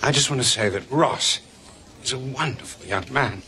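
An actor playing a drunk, blunt middle-aged wedding guest. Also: male voice, medium pitch, moderate pace, background noise, natural voice. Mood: tipsy. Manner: slurring, blunt. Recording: sitcom scene with laugh track.

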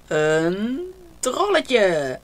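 A woman's voice: medium pitch, sing-song, extremely slow. A woman voicing a cheerful, mischievous old grandfather in a storybook reading, with a jolly, teasing tone.

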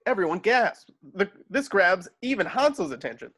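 A man with a high-pitched, sing-song voice, slightly bright and edged with breathiness, reads at a moderate pace. He expressively narrates stage directions in a screenplay table read, joining by video call from home through its microphone.

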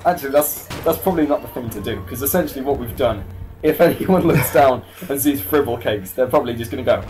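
A man's voice: mid-range voice, darkish tone, faint music behind. A young man co-hosting a gameplay video, joking and teasing his friend in a casual chat. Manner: joking, teasing, quick asides. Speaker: co-host commentating gameplay. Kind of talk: casual banter over gameplay footage.

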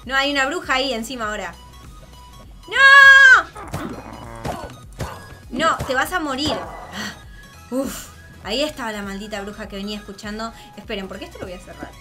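Talking fast in a slightly high voice, this gaming host narrates her play with a Rioplatense Spanish accent. Her commentary is relaxed but theatrical, full of frequent laughter and shrieks, with soft game music in the background.

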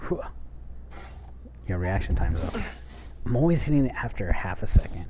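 A man's voice: low-pitched, very animated, normal speed, mellow, a little hiss or hum. A man giving casual, muttered and sweary commentary while streaming a game playthrough. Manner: profane, muttering reactions. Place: indoor room, streaming webcam. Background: game music.

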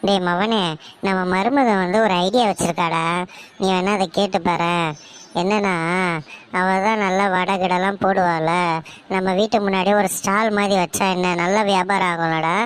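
A woman's voice: mid-range voice, fairly even intonation, moderate pace, clear, resonant tone, lightly acted. A woman voicing a blunt, commanding older mother-in-law in a cartoon story, with a Tamil Nadu accent. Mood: persuading.

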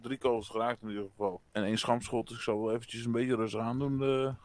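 Guy playing a medic in game roleplay, calm, talks quick. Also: medium pitch. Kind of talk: in-character game roleplay chat.

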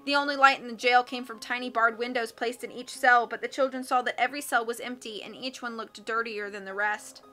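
A woman narrates a storybook aloud in a steady, expressive way. Her voice sits slightly high and sounds bright. Faint music plays behind her. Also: brisk, few pauses. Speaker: audiobook reader. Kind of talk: storybook reading.

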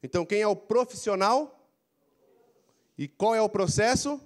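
A middle-aged Brazilian man with a handheld mic, giving an animated career coaching lecture in a large auditorium, prompting the audience to repeat phrases. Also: high-pitched, a little slow. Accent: Brazilian Portuguese. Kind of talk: lively motivational lecture. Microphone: handheld mic, walking the floor.

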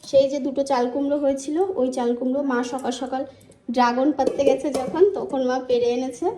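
A hoarse woman talks chattily to her viewers, vlogging about her day at home. Her voice sits fairly high yet sounds mellow and dark. The sound is roomy and echoey, with a faint noise underneath. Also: fairly even intonation, quick pace. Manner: chatty, addresses viewers as friends. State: hoarse from a sore throat. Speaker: lifestyle vlogger. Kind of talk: casual vlog chat to viewers.

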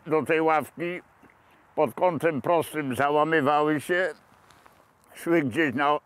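A man in his seventies from Poland, recounting local history to camera outdoors in a park in a measured, pausing manner. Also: fairly high pitch. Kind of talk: unscripted reminiscence to camera.

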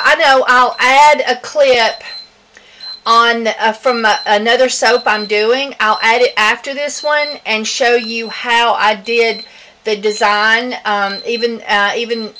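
A woman chats her way through a home soap-making video, rambling with fillers. Her voice sits a little high and sounds bright and forceful. A faint hiss runs under the kitchen recording. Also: low-quality recording. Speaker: soap maker. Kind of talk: casual home vlog.

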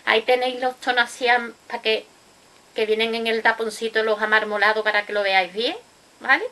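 A woman's voice: on the high side, fairly even intonation, a little fast, sharp tone. A woman vlogger talking casually as she swatches and reviews makeup shades, chatty and explaining, with lots of little check-in questions. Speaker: beauty vlogger. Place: indoors at home, recorded late at night.

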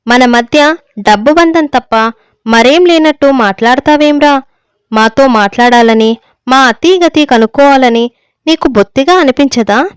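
Stern hurt old village dad scolding his son, a woman reads him in her high smooth voice, dry close sound. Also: measured pace, dry recording. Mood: reproachful. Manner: scolding, pleading rebukes.

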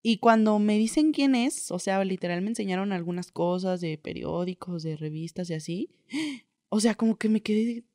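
A woman's voice: mid-range voice, normal speed, darkish tone, no room sound, clean studio sound. A young woman with a Mexican accent, a guest telling her own story in a casual, chatty way, full of slang and filler tags. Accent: Mexican Spanish.

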